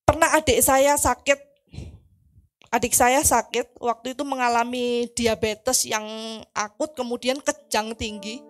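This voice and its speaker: A woman preacher, giving a fervent sermon with testimony, rising to loud cries. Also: a little high, steady tone, unhurried. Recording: music playing behind the voice.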